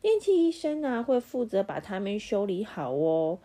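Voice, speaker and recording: Mellow-voiced woman reading a picture book aloud. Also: mid-range voice, normal speed. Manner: animated, acts out sound effects and quizzes the child. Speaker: parent reading to her child.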